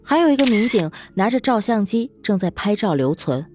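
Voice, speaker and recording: A woman narrating a serialized novel in an expressive storytelling manner. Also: mid-range voice, moderate pace, faint music behind. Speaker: audiobook narrator.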